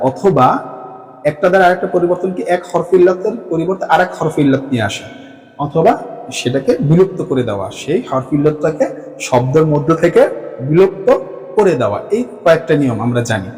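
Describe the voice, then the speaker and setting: A man's voice: on the high side, darkish tone, in a large hall, low-quality recording. A Bengali-speaking man teaching an Arabic grammar class. He asks questions and then answers them himself.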